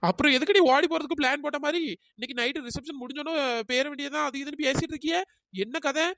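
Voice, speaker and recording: A woman's voice: high voice, fast talker, fairly bright tone, dry recording, studio quality. A woman voicing a nosy, gossiping older village woman in a cartoon, prying and scolding.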